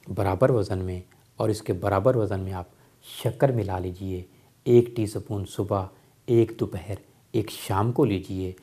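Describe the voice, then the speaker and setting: A man from Pakistan explains herbal remedies in a steady, instructive talk, repeating his key phrases. His voice sits low and sounds mellow and relaxed, like a practitioner advising patients. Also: slightly rough. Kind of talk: health remedy advice talk.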